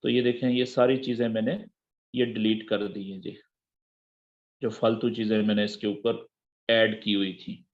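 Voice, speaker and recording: A man's voice: fairly low pitch, flat delivery, unhurried, long pauses, dull audio. A man teaching a trading app step by step in a patient, repetitive tutorial style. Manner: patient, repeats key terms and checks understanding. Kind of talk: screen-share tutorial.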